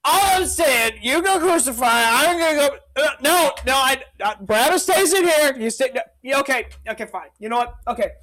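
A man's voice: very high voice, animated, fairly quick, few pauses, sharp tone, pitched above the performer's own voice, exaggerated voice, low-quality recording. A man voicing a hungover, exasperated male Roman governor who rambles and fumbles his words in a comedic podcast bit. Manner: whiny, rambling, flustered.

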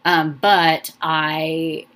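Speaking extremely slowly in a low, fairly bright voice with a level tone, a young podcast host talks on her own show. Her heartfelt, meandering monologue is filled with ums and restarts, and she seems close to tears.

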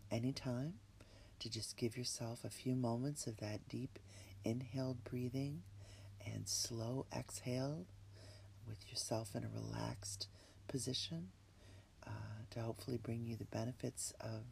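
A host talking the listener through a relaxation exercise in a slow, halting, soft delivery. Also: mid-range voice, creaky, slight background noise. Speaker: podcast host.

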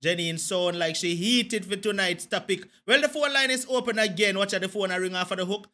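Jamaican guy hosting a call-in, laid-back patois banter, pretty high voice for a man. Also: brisk, bright, forceful tone. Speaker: podcast host taking calls.

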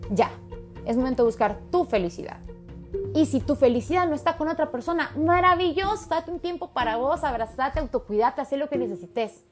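Woman host, slightly high voice, faint music bed, casual advice monologue. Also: animated, fairly quick. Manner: chatty, emphatic, acts out quoted voices, calls listener "mija". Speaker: podcast host giving relationship advice. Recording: soft music in background.

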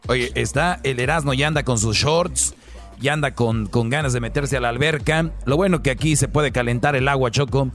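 A man's voice: mid-range voice, moderate pace, fairly bright tone, faint music behind. A man on a comedy radio show, trading mock threats in slangy banter.

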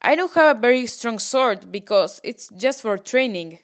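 A woman's voice: a little high, animated, moderate pace, close to an everyday voice. A woman reading aloud, voicing an eager, humble young squire in a storybook. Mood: earnest. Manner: earnest, respectful.

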